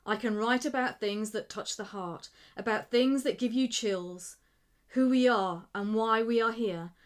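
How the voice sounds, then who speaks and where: A woman reading the part of an eager young man who wants to be a writer, talking with rising excitement. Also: high-pitched, clean tone. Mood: excited. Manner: excited, quick, rising with enthusiasm.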